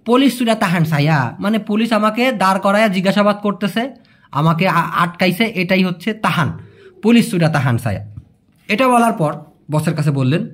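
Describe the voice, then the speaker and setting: A man with a Bangladeshi Bengali accent teaches a language lesson. He explains slowly, repeats each example and calls his listeners brother. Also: high-pitched, lively intonation, fairly bright tone. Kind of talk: language lesson for migrant workers.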